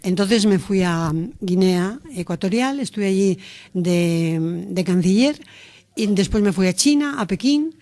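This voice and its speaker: A woman's voice: mid-range voice, animated, measured pace, warm tone. A woman in her sixties, a former diplomat, recalling her postings in a chatty, rambling way. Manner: chatty, rambling recollection with restarts. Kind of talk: interview answers.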